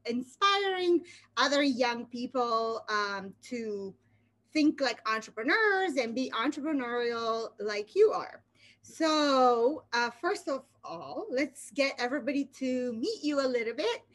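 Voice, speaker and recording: A middle-aged woman hosts a casual interview over a video call from a home room with a slanted wooden ceiling, using her laptop webcam. Her fairly high, slightly bright voice comes across chatty and encouraging, full of fillers.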